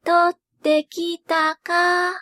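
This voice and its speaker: An old poverty god from a storybook folk tale speaks in a hushed, slow, old-fashioned manner, voiced by a woman narrator. His voice sits high and never hurries. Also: flat delivery, heavily acted. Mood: kindly. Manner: old-fashioned rustic speech, slow and soft.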